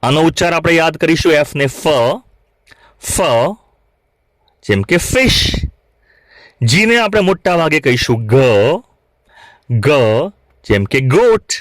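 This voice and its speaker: Male phonics teacher, from Gujarat, higher-pitched, drills learners through repetition, dry room. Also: animated, fairly bright tone, no room sound. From Gujarat, India. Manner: repeats sounds slowly and asks learners to say them back. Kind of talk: classroom lesson for beginners.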